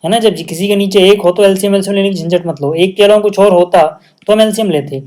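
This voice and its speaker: Quick and a little mellow, this high-voiced man teaches maths at a whiteboard in Hindi with English maths words mixed in. He has a Hindi accent and explains patiently in steps, checking in with students often.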